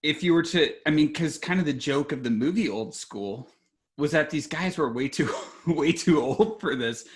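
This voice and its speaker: A man's voice: a little high, normal speed. A young man hosting a casual film podcast, rambling, restarting his sentences and often laughing as he talks. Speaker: podcast host.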